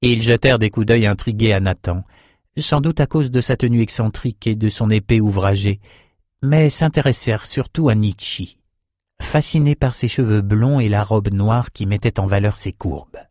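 A man narrating a fantasy novel as an audiobook in a steady, even storytelling manner. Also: on the low side, moderate pace, no room sound, studio quality. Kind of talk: scripted narration.

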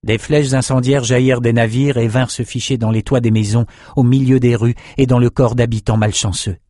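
A man narrating a fantasy audiobook with even, measured storytelling. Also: mid-range voice, no room sound, clean studio sound.

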